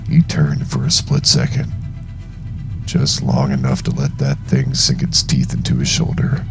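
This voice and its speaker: Man acting exhausted zombie survivor, very deep gravelly voice. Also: completely flat delivery, music in the background, exaggerated voice. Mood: shaken, grim. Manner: slow, halting, heavy dramatic pauses. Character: exhausted, shaken young male zombie outbreak survivor recounting events. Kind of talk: first-person scripted horror audio journal narration.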